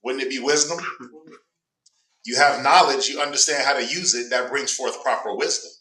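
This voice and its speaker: A man with a Southern US accent leads a casual Bible class, telling a reader to "go ahead" and joking with the group in a conversational way. His mid-range voice moves at normal speed with a bright, forceful tone, and he has a stuffy nose and keeps clearing his throat. The room is echoey and the mic sits at a distance.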